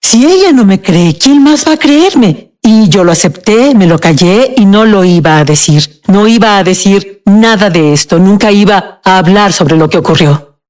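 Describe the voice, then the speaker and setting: Woman guest recounting her story, halting and emotional, mid pitch. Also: lively intonation, a little mellow. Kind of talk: personal testimony in a TV interview, Spanish dub.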